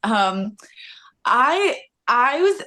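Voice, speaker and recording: A woman's voice: a little high, big pitch swings, bright, forceful tone. Hesitant woman answering. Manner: hesitant, halting with restarts. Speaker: podcast guest. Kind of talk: casual livestream chat.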